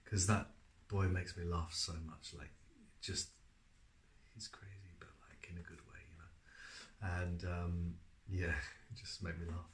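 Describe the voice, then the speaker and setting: A relaxed man speaks in a slightly low voice, chatting casually about his acting work with plenty of fillers as he tells stories. The room gives his voice a noticeable echo. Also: a little slow, long pauses. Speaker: actor being interviewed. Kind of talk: casual interview answers.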